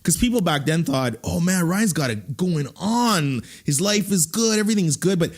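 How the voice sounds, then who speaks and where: A man in his thirties hosting a podcast, talking in animated bursts with frequent restarts. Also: high voice, normal speed. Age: 30s. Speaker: podcast host. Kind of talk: casual interview chat.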